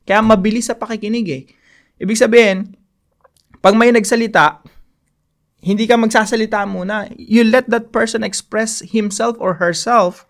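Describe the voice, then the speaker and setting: A middle-aged Filipino-accented pastor delivers a devotional Bible teaching in a fairly high voice. He talks emphatically, leaning on repeated key phrases and mixing English with Filipino. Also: fairly even intonation, normal speed, a bit bright. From Philippines.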